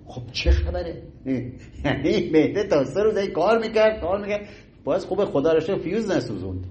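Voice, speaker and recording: A middle-aged man giving an informal health talk in an animated, folksy way, acting out little everyday scenes. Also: high-pitched, slight background noise. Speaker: health lecturer.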